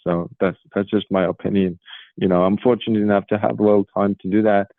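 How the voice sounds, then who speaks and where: A man in his forties from Morocco, giving earnest interview answers with frequent um pauses. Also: lowish voice, flat delivery, no room sound. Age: 40s. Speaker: guest, pigeon racing federation official. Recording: tinny phone line, dry.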